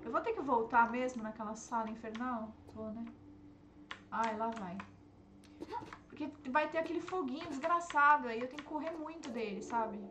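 A young woman, streaming herself playing a game and reacting with excitable, panicky outbursts. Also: fairly high pitch, moderate pace, background noise. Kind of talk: live gameplay commentary.

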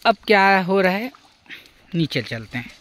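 A man's voice: high-pitched, big pitch swings, unhurried, a bit bright. A young man narrating a vlog outdoors at a forest stream, explaining step by step what he shows the viewer. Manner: explanatory, points things out to the viewer. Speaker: vlogger.

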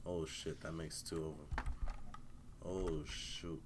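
This young man streams a game from his home computer room through a headset mic, his very deep voice flat and slow and clogged by a cold and sore throat. Laid-back, he keeps muttering to himself and swearing a lot as he offers casual live commentary over a noisy background.

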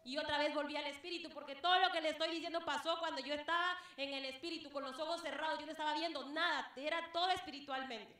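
A woman's voice: sits high, steady tone, fast talker, hardly any pauses, sharp tone. A woman from Guatemala giving an emotional church testimony, fervently addressing the congregation as beloved brethren. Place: church hall. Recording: very echoey church hall.

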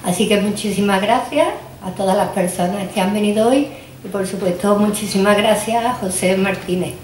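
A woman's voice: mid-range voice, fairly even intonation, normal speed, a little mellow, a little hiss or hum. A woman from the museum thanking the audience and introducing a speaker in a courteous way. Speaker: museum presenter. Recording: echoey room, voice picked up from a distance.

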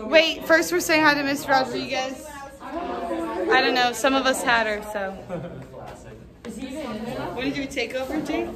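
A woman's voice: sits high, measured pace, long pauses, a loud crowd. A young woman leading a school tour for a vlog, upbeat and giving directions. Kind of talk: casual vlog tour guide. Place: school campus, partly outdoors.

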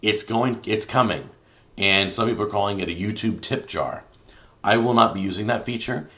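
A deep-voiced man hosting a live stream from a home studio. He talks in a loose, opinionated way, pushing hard on some words and then dropping to a mutter as he scrolls through viewer comments. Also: moderate pace. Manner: opinionated, emphatic, swings between loud and muttering. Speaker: YouTube cooking show host.

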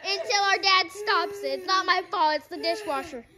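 High-pitched goofy female video maker. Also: normal speed, a crowd in the background. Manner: goofy, giggly, bursts into shouts. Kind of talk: playful home sketch with toys.

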